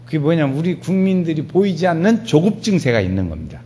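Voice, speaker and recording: A male pastor preaching a sermon in a folksy, animated storytelling manner, with sudden loud rises. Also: on the high side, fast talker.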